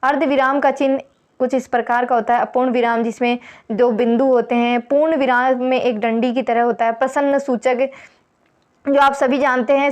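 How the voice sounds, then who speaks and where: A woman's voice: high-pitched, darkish tone. A woman teaching an exam prep lesson, explaining step by step and repeating the key points. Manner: reads examples slowly.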